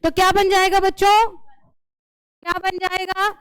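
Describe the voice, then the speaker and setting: Woman teacher drilling a class, very high voice, dry close sound. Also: level tone, fairly bright tone, no room sound. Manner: slow, drilling questions and answers. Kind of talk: classroom grammar lesson.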